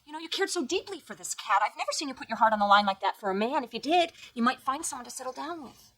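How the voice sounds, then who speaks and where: An actress playing a meddling older sister who talks in a sarcastic, teasing way. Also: female voice, high-pitched, lively intonation, fast talker, fairly bright tone, full character voice, poor audio. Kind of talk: sitcom acting. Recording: TV audio with background noise.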